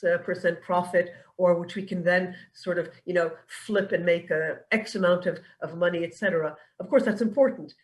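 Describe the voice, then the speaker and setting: A woman, a business school director, speaking thoughtfully and pausing to find her words. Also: medium pitch. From New York. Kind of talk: speech at an online event. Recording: voice from a distance.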